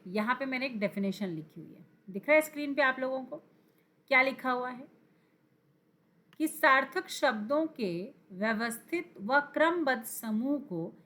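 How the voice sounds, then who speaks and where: Her voice is slightly high and bright as she teaches grammar at a screen for exam preparation. She goes at a purposely slow pace, repeating the important words and constantly testing her viewers with questions.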